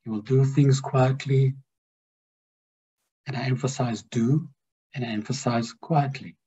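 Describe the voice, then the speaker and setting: Man, spiritual teacher, slow measured talk, husky mellow voice, muffled lo-fi sound. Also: medium pitch. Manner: slow, measured, emphatic delivery.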